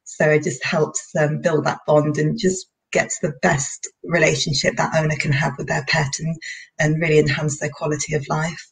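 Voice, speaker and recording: Husky woman vet in her 30s, grew up in bahrain, explaining stuff earnestly, repeats words, video call. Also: sits low, level tone, moderate pace. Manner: warm, earnest, repeats words as she thinks. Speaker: veterinarian guest. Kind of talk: explanatory interview talk. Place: indoor room at home.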